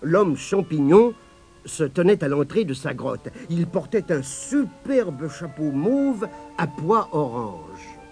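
Male storyteller reading a kids' tale, high and lively, soft music behind. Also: slow. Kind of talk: reading a children's story aloud.

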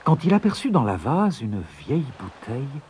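A man's voice: medium pitch, sing-song, normal speed, darkish tone, slight background noise. A man narrating a fairy tale in a scripted, suspense-building storybook reading.

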